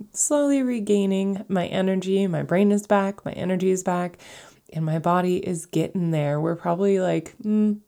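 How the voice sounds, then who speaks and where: A woman's voice: lowish voice, creaky. A woman hosting a casual personal storytelling podcast, sounding stuffy and congested from a cold, chatty and easygoing. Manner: chatty, easygoing, with soft laughs and fillers. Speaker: podcast host.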